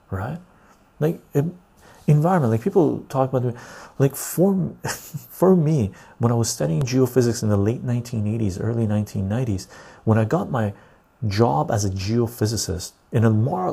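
A man's voice: medium pitch, vocal fry, dark tone, breathy edge. A man, hosting a casual livestream, reading chat and rambling with frequent "right?" tags. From Canada, born in Iran. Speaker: livestream host.

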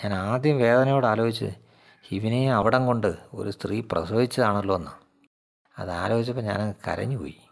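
Picture a frightened, grieving woman who speaks haltingly, each sentence pushed out with effort, as a male narrator puts her on. The tone stays fairly low and plain. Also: gravelly. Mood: shaken. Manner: halting, shaken testimony. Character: grieving middle-aged woman, a frightened sex worker.

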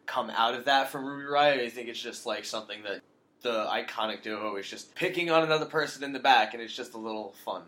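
A man co-hosting a casual podcast, his voice bright and forward. He trades opinions with the panel and drops playful, mock-outraged asides along the way. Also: mid-range voice, fast. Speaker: podcast co-host.

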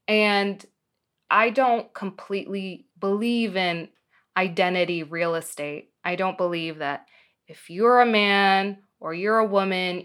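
A woman's voice: on the low side, a bit bright, smooth. A woman from Morocco who teaches film students, speaking thoughtfully in a radio interview.

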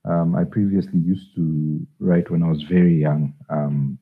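A man's voice: low-pitched, fairly even intonation, measured pace, husky. A middle-aged man from Zambia, a children's author answering interview questions with many hesitations and restarts. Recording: tinny phone-like line.

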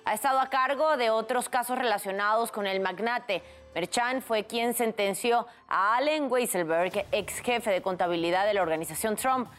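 A woman's voice: a little high, moderate pace, fairly bright tone. A woman presenting the news as a co-anchor. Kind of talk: news reading with some casual banter.

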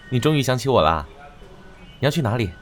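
In a radio drama, an actor voices a sweet, attentive young man courting someone, friendly and gently teasing. He has a Taiwanese Mandarin accent and a medium pitch with big swings, and he speaks unhurriedly in an eager mood.

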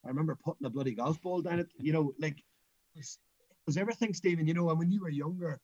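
A man's voice: a little high, fast talker, a little mellow, dry recording, muffled recording. A middle-aged man with a Northern Irish accent, talking anecdotally in an interview as a coach, emphatic and given to repeating his phrases. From Northern Ireland. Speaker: school football coach.

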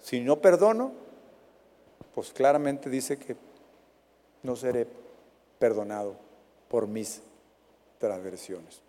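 A man with a Mexican Spanish accent preaching a sermon, swinging between loud dramatic rises and quiet fading endings. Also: mid-range voice, slow, pauses often. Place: church hall. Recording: reverberant hall recording.

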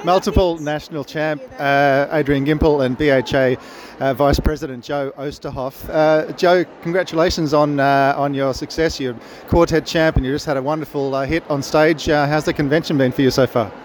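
At a busy convention venue, an Australian man hosts a casual on-the-spot podcast interview, chatty and hesitant as he works out his questions. His voice is on the high side with fairly even intonation at normal speed, and the location recording picks up plenty of venue noise.

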